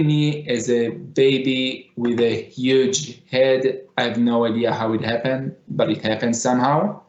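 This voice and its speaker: A man with a Middle Eastern accent, a non-native English speaker, giving a conference lecture and repeating phrases for emphasis. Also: mid-range voice. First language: not English. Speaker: conference speaker, digital fashion designer. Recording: echoey room, slightly dull sound.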